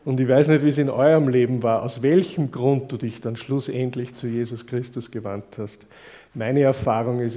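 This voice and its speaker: Mellow-voiced preacher, chatty. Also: male voice, mid-range voice. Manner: chatty storytelling with rhetorical questions to the listeners. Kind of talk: conversational Bible teaching sermon.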